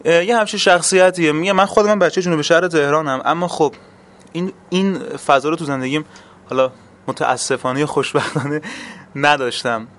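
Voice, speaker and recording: A man's voice: fairly high pitch, steady tone, fairly bright tone. A man from Tehran, a stage actor answering interview questions thoughtfully with frequent hesitations. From Iran. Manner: thoughtful, hesitant, many fillers.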